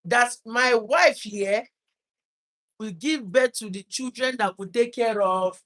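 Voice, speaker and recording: A Nigerian-accented man vlogs a painful personal story, earnest and halting, often repeating and restarting words as he fights back tears. His voice is very high and fairly bright.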